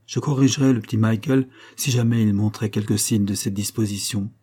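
A proud working man of about forty, read by a man. He speaks in a dark, mellow, slightly husky voice, earnest and plain-spoken. The storybook reading is steady and unhurried. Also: on the low side. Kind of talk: audiobook character reading.

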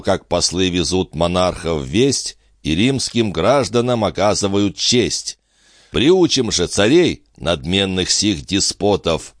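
A man voicing a Roman consul on stage, slowly declaiming stately verse. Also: sits low, no echo, clean studio sound.

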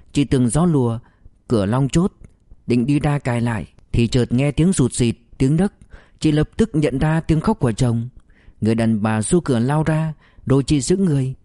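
A man narrates a story for an audiobook, with measured, expressive pacing. His tone is mellow and darkish and middle in pitch. The sound is dry and close, with no room around it. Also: dry recording.

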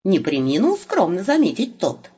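Husky woman with a lively narrating voice. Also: mid-range voice, normal speed. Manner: lively, ironic storytelling. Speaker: audiobook narrator. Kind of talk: expressive audiobook narration. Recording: muffled lo-fi recording.

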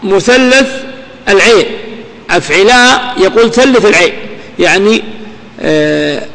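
A male grammar teacher giving a classroom lesson, quizzing his class and repeating key words slowly. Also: high voice, vocal fry, a bit bright. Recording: reverberant hall with long echo.

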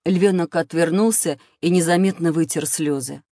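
A woman calmly narrating a children's audio drama. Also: lowish voice, moderate pace, no echo, clean studio sound.

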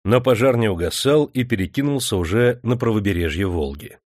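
A man's voice: on the low side, lively intonation, fairly quick, darkish tone, no room sound. Man narrating an audiobook, dry sound.

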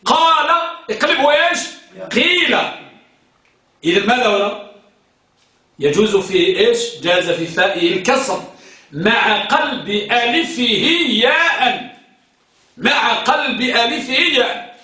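A man's voice: very high-pitched, animated, unhurried, long pauses, bright, forceful tone. A male teacher giving a grammar lesson, drilling his students by repeating questions and answers. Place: classroom. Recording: echoey room, mic far off.

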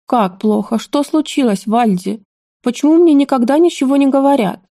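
An anxious, imperious queen mother, voiced by a woman reading an audiobook, with a soft, mellow tone in a dry, close recording. She gives orders in a firm voice and quickly turns to fearful lament. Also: high voice, lively intonation, no room sound, pitched above the performer's own voice. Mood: alarmed. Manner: commanding, then alarmed and wailing. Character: stern royal mother, anxious and fussy.

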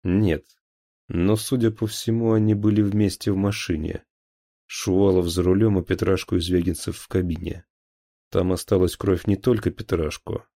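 In an audiobook, a man voices a dutiful police officer who stands up for his men, reporting in a brisk, matter-of-fact manner. His voice is low and dark, steady with vocal fry, and the read is close and dry with no room sound. The mood is firm and businesslike.

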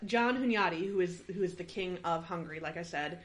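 A woman's voice: lowish voice, brisk. A woman hosting a podcast, casually telling a history story with many fillers and frequent laughs. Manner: rambling with fillers, laughs often.

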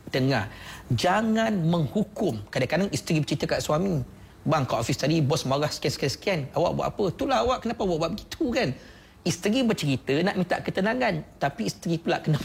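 A man's voice: on the high side, vocal fry, slight background noise. A man with a Malaysian Malay accent giving a persuasive motivational talk on the radio, speaking straight to the listener with repeated questions. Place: radio studio.

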